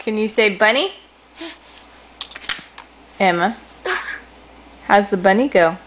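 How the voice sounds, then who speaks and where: A woman's voice: medium pitch, slow, fairly bright tone, slight background noise, rough recording. A young mother at home patiently coaching her toddler, repeating simple prompts and praise. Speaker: mother teaching her toddler baby sign language.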